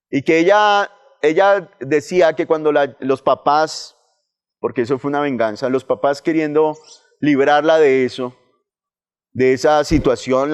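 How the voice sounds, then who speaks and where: A man with a Colombian accent, a pastor preaching a sermon and telling the story vividly, often repeating words as he searches for them. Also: fairly high pitch. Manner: vivid storytelling, acts out voices of people and demons.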